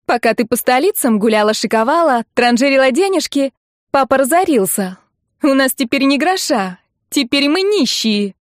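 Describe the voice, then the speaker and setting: In an audiobook, a young older sister wails in a high, nasal voice that cracks with hysteria, as a woman reader puts her on. She keeps a shrill, tearful lament going on one note, loud and strained, in a dry, close recording. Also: lively intonation, moderate pace, no echo. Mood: hysterical.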